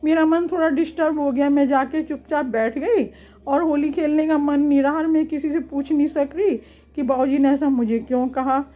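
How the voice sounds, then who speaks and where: A woman's voice: high-pitched, fairly even intonation, normal speed, narrow, tinny audio. A woman telling a personal family memory in a homely storytelling way, acting out the quotes of her relatives.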